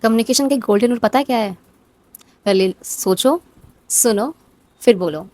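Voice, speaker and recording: A young woman with a somewhat high, darkish voice speaks at a normal pace. Coaching people for cabin crew interviews, she offers casual tips in a direct, encouraging way and talks to the viewer informally.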